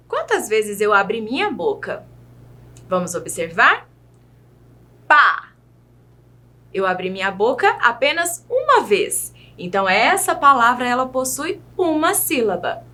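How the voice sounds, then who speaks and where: A Brazilian woman teaching a children's video lesson, spelling out words slowly and patiently, asking her young learners questions as she goes. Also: a little high, wildly swooping pitch, pushed and bright. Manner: slow, exaggerated enunciation of words.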